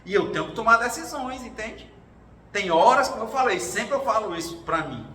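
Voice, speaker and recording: High, bright-voiced man in a roomy hall. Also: big pitch swings, moderate pace. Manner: conversational storytelling, acts out quoted voices. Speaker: speaker at a spiritual gathering. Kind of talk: informal talk sharing personal experience. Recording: roomy hall, distant mic, faint noise.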